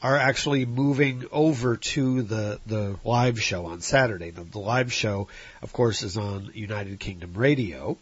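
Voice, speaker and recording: A podcast host with a Midwestern American accent rambles solo, sounding nasal and stuffed up from his sinuses, apologetic and full of fillers and restarts. His lowish voice is a little slow with a breathy edge. The recording is dry, dull and lo-fi.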